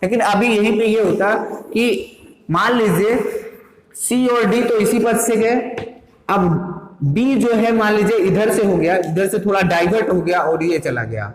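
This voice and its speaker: A male teacher explaining a lesson step by step, often pausing to check that his students follow. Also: high voice. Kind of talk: classroom physics lesson. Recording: echoey room with long reverb.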